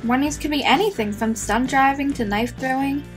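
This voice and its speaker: Clear music sits behind a high young voice. It is a tough, cocky schoolgirl vigilante acted by a woman, narrating and talking in a matter-of-fact comic-dub style with a foul mouth. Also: moderate pace, lightly acted. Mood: matter-of-fact, proud. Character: brash, tough schoolgirl vigilante, fiercely devoted to late father.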